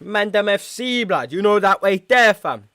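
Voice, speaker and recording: A man's voice: sits high, lively intonation, normal speed, pushed and bright, no room sound, studio quality, voice pushed up. A man doing a swaggering young lad with a London street-slang accent, tossing off clipped slangy exclamations. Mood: excited.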